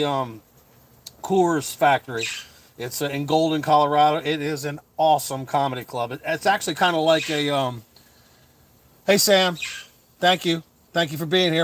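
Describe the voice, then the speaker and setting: Man, middle-aged comedian, casual rambling chat, chuckles a lot, slightly raised pitch, faint background noise. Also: a bit bright. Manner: chuckling, full of fillers and restarts. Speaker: comedian hosting a livestream.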